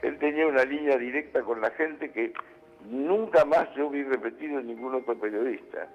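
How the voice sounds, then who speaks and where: Man, argentine accent, phoning in from far off, muffled phone line, mid pitch, emphatic. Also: normal speed. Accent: Argentine Spanish. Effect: distant, muffled phone-line voice. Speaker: guest commentator phoning in. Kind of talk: phone interview on radio. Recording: dull lo-fi phone line with faint music.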